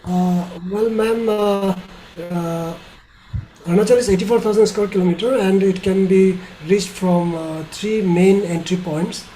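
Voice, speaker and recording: Middle-aged male presenter, Indian accent, hesitant delivery, dark soft tone, faint call noise. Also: sits high, steady tone. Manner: halting, hesitant. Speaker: tour operator presenting. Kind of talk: informal webinar presentation. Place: small bedroom indoors, video call. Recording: slightly noisy video call.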